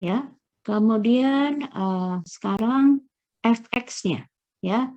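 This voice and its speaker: A middle-aged woman lecturing through slides, explaining step by step with frequent checking pauses and searching fillers. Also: a little high, a little mellow, highs cut off.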